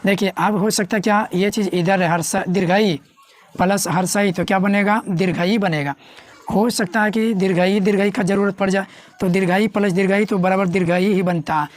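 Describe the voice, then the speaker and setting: A woman's voice: medium pitch, steady tone. Woman teaching grammar, asking and repeating. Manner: repeats key words and asks the class questions; slows to spell out words syllable by syllable. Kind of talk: grammar lesson at a board.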